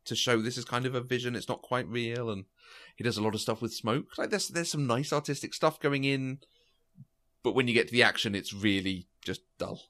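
A man's voice: mid-range voice, brisk. Chatty man telling a story. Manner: chatty, animated storytelling with frequent fillers and restarts. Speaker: podcast co-host. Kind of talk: casual chat.

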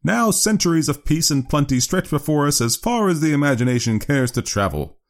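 A man's voice: a little high, very animated, fairly quick, pitched above the performer's own voice. A man voicing a genial, self-assured old doctor in a story reading, lecturing with emphasis. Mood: smooth, reassuring. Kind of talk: dramatised short story reading.

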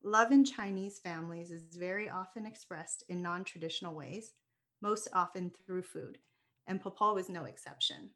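An American woman hosts a podcast, sharing a personal family story reflectively and earnestly, with light laughs and restarted words. Her voice is lowish but fairly bright in tone, at a moderate pace.

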